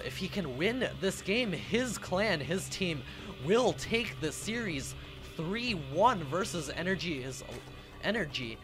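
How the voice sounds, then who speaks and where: A man casually commenting on a live strategy game match, rambling a little and chuckling at himself. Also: mid-range voice. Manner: rambling, self-deprecating, chuckles often. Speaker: game caster.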